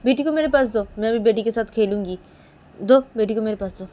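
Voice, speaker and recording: A woman's voice: medium pitch, lively intonation, a little fast, darkish tone, slightly rough. A woman voicing a playful young woman who pleads and teases with repeated tag questions, in a storybook tale. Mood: wheedling. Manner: pleading, repeats "what is it?" and "haan?".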